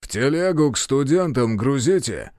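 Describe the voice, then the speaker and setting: A stern commander speaks slowly and firmly, each word weighty and loud, as a male reader gives him voice. The recording is dry and close. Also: medium pitch, animated, dry recording, natural voice. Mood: commanding. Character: stern forceful commander of rangers, grown man. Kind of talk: audiobook character voice.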